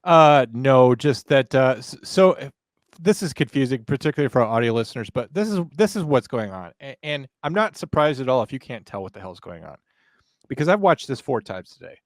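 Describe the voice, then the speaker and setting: A man's voice: medium pitch, sing-song, a little fast. A man hosts a casual commentary in a mid-range voice. His delivery is explanatory with a sardonic edge, recorded very dry without room echo. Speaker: commentary show host.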